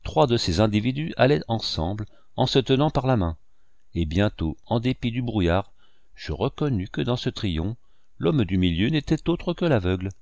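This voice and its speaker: A man reads a classic adventure novel aloud in a measured first-person storytelling voice. His voice sits on the lower side. The recording is close and dry, with no room echo. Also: expressive, a little mellow. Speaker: audiobook narrator. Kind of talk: scripted narration.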